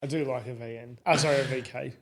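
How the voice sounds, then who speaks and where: A man's voice: mid-range voice, steady tone, quick pace. A man with a broad Australian accent chatting casually, in a laid-back, colloquial and self-deprecating way. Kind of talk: casual car chat.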